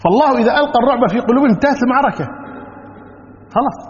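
A man's voice: very high voice, animated, racing. A man preaching an Islamic sermon, explaining Quran verses word by word and repeating key phrases, in a lo-fi recording from a hall. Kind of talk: Quran tafsir lesson. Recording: dull lo-fi recording with hall reverb.

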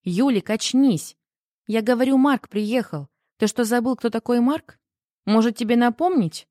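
A woman reading the part of a bossy sister in a hurry, talking briskly and impatiently in an audiobook. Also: mid-range voice, a little mellow, no room sound, clean studio sound, close to an everyday voice.

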